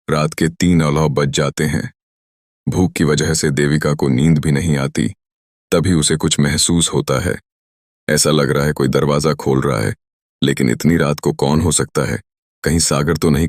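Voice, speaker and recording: A man narrating a family cartoon story in a dramatic, even storytelling manner. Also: rumbling low, dry recording, clean studio sound.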